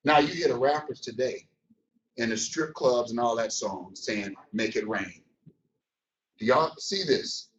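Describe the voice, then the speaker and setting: A man with a medium-pitched voice and measured pace delivers a motivational business training talk, telling stories in a colloquial, animated way and acting out the scenes. The audio is dull and distant, in an echoey room.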